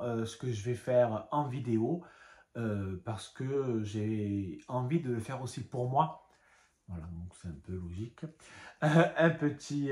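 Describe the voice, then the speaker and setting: Chatty man in an echoey room. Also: mid-range voice. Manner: chatty, rambling, many fillers and asides. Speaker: craft vlogger. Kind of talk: casual show-and-tell vlog.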